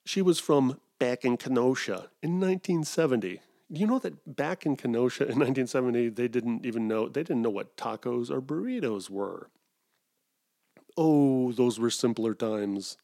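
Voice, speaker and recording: A man's voice: medium pitch, lively intonation, normal speed, creaky, dark tone. A middle-aged man from Wisconsin hosting a solo podcast, rambling through digressions with self-mocking asides. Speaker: podcast host.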